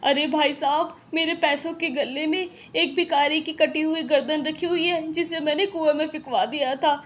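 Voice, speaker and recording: A greedy middle-aged dhaba owner, a man, yelling and pleading in high-pitched panic, as a woman narrator puts him on. The cartoon voice is loud and frantic, pitched well up, with faint room hum behind it. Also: fairly even intonation, normal speed, close to an everyday voice. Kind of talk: cartoon voice acting.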